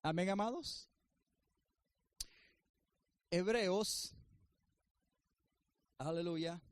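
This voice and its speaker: A man preaching a sermon as pastor, swinging between emphatic raised lines and quieter asides to the congregation. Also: high voice, drawn-out words, clean tone, no room sound.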